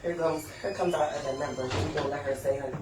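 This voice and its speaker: A woman's voice: low voice, fairly even intonation, fast talker, music in the background. A woman hosting a podcast in a casual, laughing, chatty way, full of fillers. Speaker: podcast host. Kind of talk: casual chat. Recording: echoey room, distant mic, background noise.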